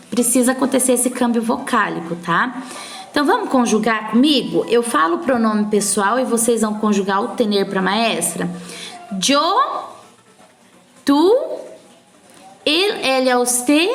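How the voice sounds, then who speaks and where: A woman with a Brazilian Portuguese accent gives a recorded class, her voice sitting a little high. She explains each point patiently, step by step, and keeps checking that her students are following. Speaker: Spanish teacher. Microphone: phone screen recording.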